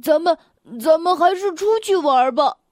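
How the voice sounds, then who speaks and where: A woman's voice: extremely high pitch, lively intonation, moderate pace, darkish tone, no echo, clean studio sound. A woman voicing a sulky young boy on his birthday, whiny and hesitant in a storybook reading. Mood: upset.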